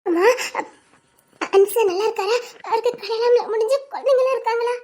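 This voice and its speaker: A woman's voice: very high-pitched, brisk, darkish tone. A woman playing a heartbroken, withdrawn young woman in an audio drama. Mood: wistful. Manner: sad, withdrawn, wistful. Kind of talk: Tamil audio drama acting.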